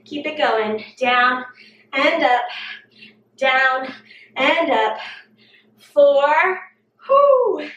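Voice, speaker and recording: A woman's voice: sits high, very slow, long pauses, fairly bright tone, highs cut off, a little hiss or hum. A woman fitness instructor leading a workout video, out of breath and huffing between her coaching cues. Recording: roomy echo, distant mic.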